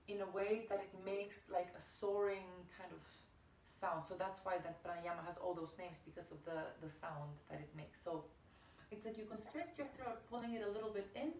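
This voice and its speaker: A woman teaches a breathing practice in a halting, reflective way, pausing and correcting herself as she explains. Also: lowish voice. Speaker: yoga teacher. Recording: echoey room, distant mic, faint noise.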